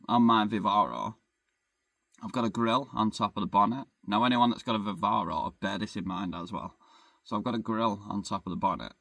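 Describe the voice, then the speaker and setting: A vlogger who lives in a van talks casually in a rambling way, cursing openly and making fun of himself. The young man's voice is low-pitched, creaky and fairly bright, recorded dry.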